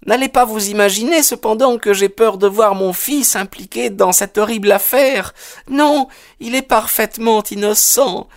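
A reader voicing an anxious, earnest middle-aged widowed landlady who pleads and sighs in a raised pitch. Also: gravelly. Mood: anxious pleading. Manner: high, earnest and agitated, sighing.

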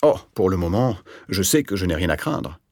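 A man's voice: sing-song, normal speed, a little mellow, dry recording, studio quality, heavily acted. A man voicing an anxious, touchy middle-aged rentier in an audiobook, speaking in a raised, agitated voice. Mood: vehement. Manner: agitated, defensive, raised pitch. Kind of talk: audiobook character voice.

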